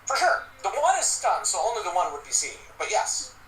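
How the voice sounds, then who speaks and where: A man narrating as game master, animated and laughing, now and then yelping little creature cries. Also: sits high, fairly quick, roomy sound, distant mic, a little hiss or hum, poor audio.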